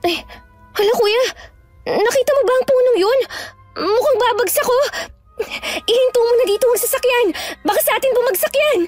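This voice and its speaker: A woman's voice: high voice, normal speed, long pauses, a little mellow, soft background music, lightly acted. A young woman acting as an anxious, superstitious younger sister in a horror audio drama, nagging and easily frightened. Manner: nagging, fearful, easily scared. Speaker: younger sister riding in a car.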